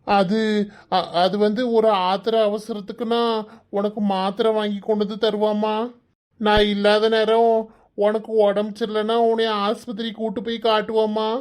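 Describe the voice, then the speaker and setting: A woman voicing a gentle grown son in a Tamil cartoon who pleads with his mother and keeps the peace, with a Kanyakumari Tamil accent. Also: mid-range voice, little pitch movement, normal speed, close to an everyday voice. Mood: pleading. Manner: soothing and pleading. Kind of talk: cartoon voice acting.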